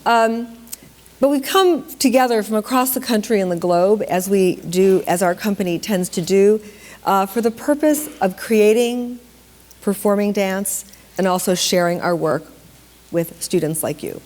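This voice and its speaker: This Detroit, Michigan woman directs a dance company and is moderating a casual Q&A with students in a school auditorium. Her medium-pitched, darkish voice is animated but measured, chatty with frequent fillers and restarts. The recording carries hall reverb and audience noise.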